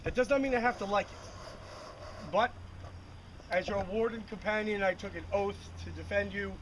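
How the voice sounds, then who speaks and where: A man's voice: high-pitched, normal speed, a bit bright, rough recording. A man playing a bitter, dutiful warden in formal, old-fashioned fantasy speech on a live renaissance faire stage, earnest and declamatory. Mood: resigned, dutiful. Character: bitter, dutiful warden companion to a lady mage. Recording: outdoor live recording with faint ambient noise.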